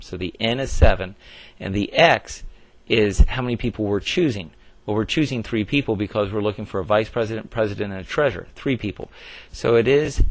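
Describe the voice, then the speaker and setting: A man's voice: lowish voice, dry recording. A man teaching a recorded math lesson, explaining step by step in a plain way with frequent fillers and restarts. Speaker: math instructor.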